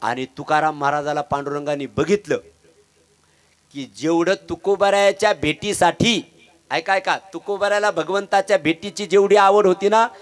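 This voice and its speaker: Animated man preaching a devotional kirtan. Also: high-pitched. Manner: animated storytelling, breaks into sung verses. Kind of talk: devotional sermon with chanted verses.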